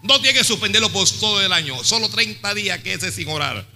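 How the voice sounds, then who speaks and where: A man preaching a sermon, retelling a story dramatically and swinging between hushed and shouted lines. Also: high-pitched, animated, brisk. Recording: long hall reverb with music.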